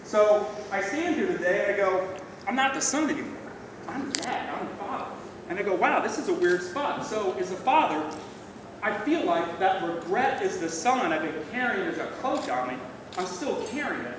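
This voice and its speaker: A middle-aged man gives an informal father of the bride speech, plain-spoken, salty and emotional, with halting delivery. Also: high-pitched, sing-song. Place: large reverberant reception room indoors. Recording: echoey hall, distant mic, noisy room.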